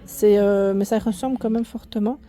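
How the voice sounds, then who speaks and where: A fashion vlogger gives a casual walkthrough of a clothing store, chatting as she goes and often correcting herself. Her mid-range voice keeps a steady tone at a normal speed, raised to carry over the loud in-store music, which comes through only faintly on the recording.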